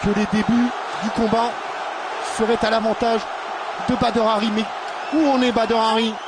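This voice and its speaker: A man's voice: extremely high pitch, level tone, normal speed. A man giving live fight commentary as a television sports commentator. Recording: very loud crowd noise behind commentary.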